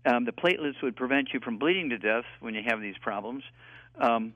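A man of eighty, a guest health expert on a call-in radio talk show, rambling and halting with many fillers over a tinny phone line. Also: medium pitch, fairly bright tone, dry recording. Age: 80s.

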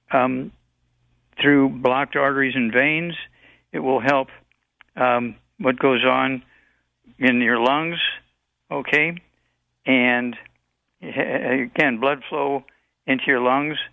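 Man, 80s, radio health expert, rambling, gravelly, tinny phone-line sound. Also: mid-range voice, steady tone, dry recording. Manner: rambling, halting with many fillers. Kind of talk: call-in radio advice.

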